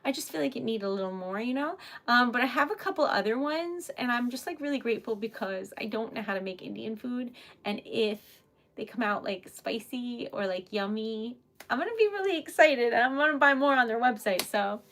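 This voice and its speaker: She talks briskly and expressively in a high-ish, somewhat bright voice. The Rhode Island livestream host and independent artist keeps things casual and animated, rambling along with plenty of giggles in her local accent.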